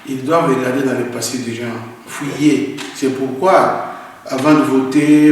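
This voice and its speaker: Homme congolais au discours insistant, salle résonnante. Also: male voice, medium pitch. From Congo (DRC). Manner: earnest, emphatic, repeats words while searching. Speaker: guest. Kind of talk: interview answers. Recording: echoey roomy hall from a distance, faint noise.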